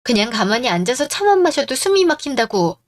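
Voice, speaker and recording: A woman voicing a fed-up young wife in a radio drama, speaking in sharp, clipped retorts. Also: high voice, very animated, fairly quick. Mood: indignant.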